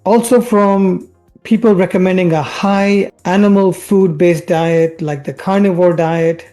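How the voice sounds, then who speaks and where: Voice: mid-range voice, fairly even intonation, measured pace, dark tone, soft background music. A presenter from India who is a physician, explaining research in a scripted science show host manner with rhetorical questions and emphatic key words. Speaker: family physician presenting health videos.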